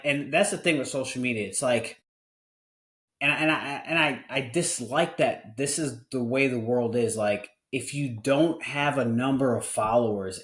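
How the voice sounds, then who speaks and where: A man's voice: medium pitch, a bit bright, echoey room. A man of forty hosting a podcast, talking candidly and earnestly in casual conversation, often restarting his sentences. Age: 40s. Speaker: podcast host.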